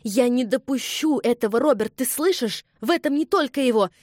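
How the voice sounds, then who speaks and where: A woman's voice: high-pitched, moderate pace, a little mellow, no room sound, clean studio sound, voice pushed up. A woman voicing a distressed young noblewoman who pleads in a raised, emotional voice in an audiobook. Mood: desperate.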